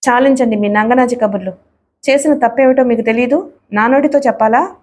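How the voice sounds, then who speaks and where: A woman's voice: fairly high pitch, brisk, a little mellow, a little hiss or hum, lightly acted. A woman voicing a hurt, angry wife who speaks sharply and scornfully to her husband. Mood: bitter. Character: wounded angry wife, bitter and accusing.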